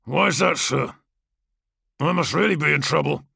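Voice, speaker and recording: A man's voice: a little high, moderate pace, vocal fry, breathy edge, dry recording, studio quality, heavily acted. A man voicing a brash, mocking male superhuman gladiator who taunts with sarcasm. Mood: sarcastic. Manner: taunting, sarcastic, rising to shouts.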